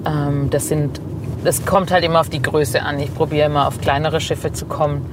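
A woman's voice: low voice, background noise. Chatty woman in a moving car. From Swabia, Germany. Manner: lively storytelling, many fillers and quick agreement. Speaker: travel blogger guest. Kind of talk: casual interview chat. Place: passenger seat of a moving car.

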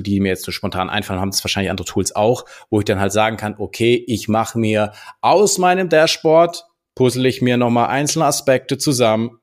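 A man co-hosting a podcast, explaining in a thoughtful, hesitant way with many pauses and restarts. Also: medium pitch. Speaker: podcast co-host. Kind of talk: casual podcast conversation.

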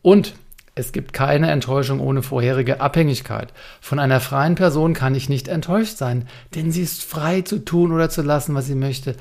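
Gravelly man, punchy coaching talk. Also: medium pitch, normal speed, darkish tone. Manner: punchy, rhetorical questions, addresses listener directly. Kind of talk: direct-to-camera talk.

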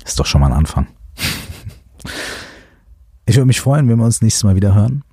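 A man hosting a coaching podcast, talking in a gentle, musing way with many fillers. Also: on the low side, big pitch swings, normal speed, breathy edge, no room sound, clean studio sound. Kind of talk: reflective podcast monologue.

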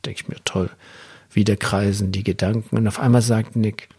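A man's voice: fairly low pitch, flat delivery, brisk, dark tone, slightly rough, dry recording, clean studio sound. A man hosting a podcast, telling a personal story in a casual, chatty way, with fillers and restarts. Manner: chatty, with fillers and restarts, quoting his child. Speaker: podcast host.

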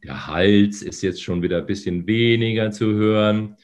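Male voice coach, lowish and slightly phlegmy, teaching with demonstrations. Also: moderate pace, a little mellow. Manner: instructive, demonstrates with hums and sung lines. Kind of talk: demonstrating voice exercises in a podcast.

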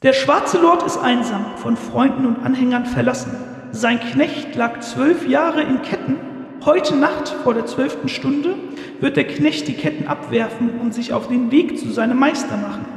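A man voicing an entranced female seer who intones a dark prophecy in a slow, solemn, booming way. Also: vocal fry, roomy sound, in a large hall, full character voice.

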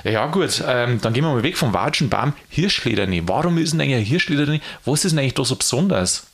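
A man's voice: medium pitch, lively intonation, quick pace, breathy edge. A man with a Bavarian accent hosting a casual chat, joking and laughing often as he talks. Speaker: podcast host.

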